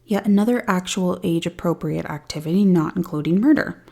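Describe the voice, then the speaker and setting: A woman's voice: lowish voice, brisk, vocal fry, a little mellow. A woman hosting a true crime podcast, retelling a case with dry, sarcastic asides. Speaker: podcast host. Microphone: studio-style podcast mic.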